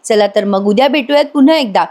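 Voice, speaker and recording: A woman with a fairly high voice narrates a recap of a TV serial in a chatty, talk-to-the-viewers way. She keeps it loose and conversational. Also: a little fast, darkish tone. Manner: chatty, addresses viewers directly. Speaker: TV serial reviewer.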